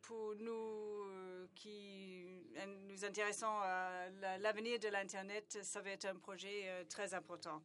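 Interpreting a conference speech live, this woman speaks in a level tone with a mid-range, fairly bright voice. She hesitates a lot, filling pauses with stalling sounds, and often breaks off mid-word to restart a phrase before continuing.

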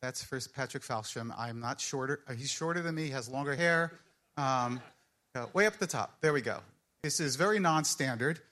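A man's voice: medium pitch, normal speed, bright, forceful tone. A man giving a conference presentation, rambling and correcting himself as he goes.

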